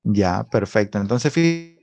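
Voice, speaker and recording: Over background music, a man with a somewhat low, expressive voice speaks a little slowly as he lectures an online language class. He explains patiently and keeps checking in with a questioning "right?". He is picked up by a video call microphone.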